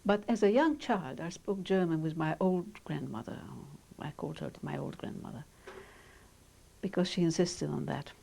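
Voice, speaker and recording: An older Hungarian-speaking woman from Romania is interviewed about her childhood for an oral history. Her voice is low and gravelly with a mellow, dark tone, and she talks in measured, reflective sentences with frequent pauses.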